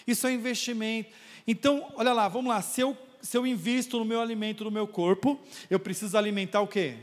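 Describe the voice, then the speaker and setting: A man's voice: sits high, fairly even intonation, brisk. A man preaching a sermon as pastor, calling on the congregation to raise their hands and answer back. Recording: long reverb of a church hall.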